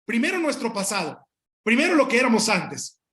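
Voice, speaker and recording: High-voiced man preaching a sermon. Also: big pitch swings, bright, forceful tone. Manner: emphatic preaching, addresses congregation as brothers; halting restarts and asides. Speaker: pastor.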